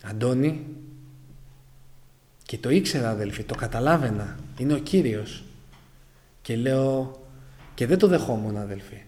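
A man's voice: mid-range voice, animated, dark tone. A man from Greece telling his conversion story to a congregation, calling them brothers and letting his voice sink at the end of phrases. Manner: keeps addressing the listeners as brothers; fragmentary, emotional storytelling, voice sinking at phrase ends. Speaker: church member giving testimony. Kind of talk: personal testimony to a congregation.

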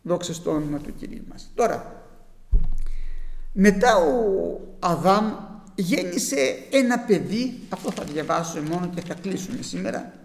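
A man preaching a sermon to his congregation, his voice surging up for emphasis, who slows down to read scripture in formal old wording. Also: sits high, lively intonation. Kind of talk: sermon with Bible reading. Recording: long hall reverb.

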